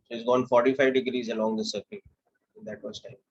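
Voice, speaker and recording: A young man with an Indian English accent teaches physics to a class, talking through each step at an even, explanatory pace. His voice has a slight husk to it. The recording sounds dull and lo-fi. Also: medium pitch, fairly quick, husky. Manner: steady, explanatory, walks through steps aloud. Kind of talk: classroom lecture.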